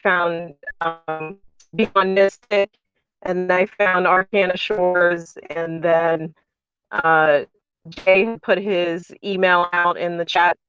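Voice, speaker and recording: A middle-aged woman in a casual interview, talking slowly with many fillers over a video call whose audio breaks up and turns robotic. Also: on the low side, steady tone, fairly bright tone, smooth, faint music behind. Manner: slow, hesitant, many fillers. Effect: glitchy, robotic, breaking-up call audio. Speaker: guest. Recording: dull lo-fi call line.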